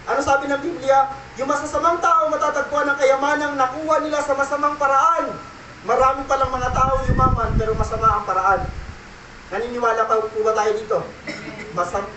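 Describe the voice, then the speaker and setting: High-voiced pastor preaching in an echoey room. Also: male voice, pushed and bright, slight background noise. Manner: preaching with repeated "okay?" check-ins and Taglish. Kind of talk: sermon. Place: church. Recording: echoey church room, mic at a distance.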